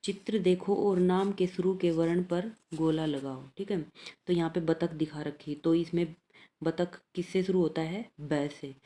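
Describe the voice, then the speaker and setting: A woman's voice: fairly low pitch, steady tone, a little slow, warm tone. A woman teaching an elementary language lesson, patiently reading out letters and exercises and checking in after each point.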